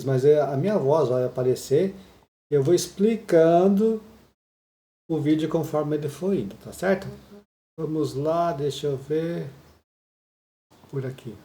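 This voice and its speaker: A man teaching Japanese in a patient, explanatory way, constantly checking in with his students. His voice is gravelly and dark. He sounds like he is in a room that echoes. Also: fairly high pitch, measured pace, long pauses. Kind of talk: explaining a listening lesson.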